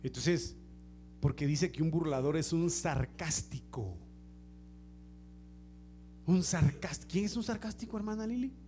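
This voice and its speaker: A man preaching a sermon as pastor, dropping to near-whispered asides and rising to shouted peaks, acting out the people in his stories. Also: a little high, unhurried, pauses often, faint music behind. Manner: acts out quoted people in a storytelling way. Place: church.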